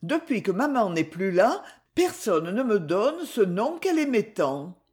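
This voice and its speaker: A gentle, timid young woman answers in a lifted, soft voice, as a woman reader puts her on. She sounds earnest and a little shaken. Her lines move with lively pitch. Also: a little slow. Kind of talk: audiobook reading.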